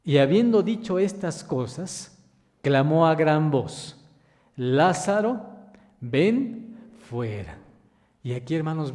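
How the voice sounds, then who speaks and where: A man minister delivers a sermon in a church, his voice ringing with a long reverb. His tone is mellow and sits a little high for a man. He reads scripture, then turns to ask the congregation questions, calling them brothers. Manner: addresses listeners as brothers.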